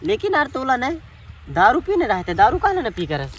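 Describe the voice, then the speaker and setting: A man's voice: very high-pitched, huge pitch swings, brisk, muffled recording, very noisy, full character voice. A man with a Chhattisgarhi accent playing a talkative, persuasive town drunk's drinking buddy in a comedy skit. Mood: coaxing. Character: chatty drinking buddy, coaxing village schemer. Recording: loud music over the dialogue.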